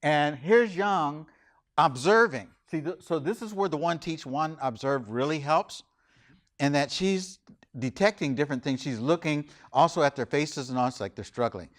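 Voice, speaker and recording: A man's voice: fairly high pitch, moderate pace. A man giving a folksy, conversational workshop talk in a lecture room, acting out what people said. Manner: folksy, animated, acts out quoted remarks. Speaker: workshop presenter.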